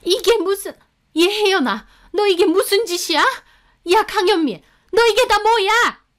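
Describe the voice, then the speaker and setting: A woman doing a shrill, scolding mother-in-law. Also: animated, unhurried. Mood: furious.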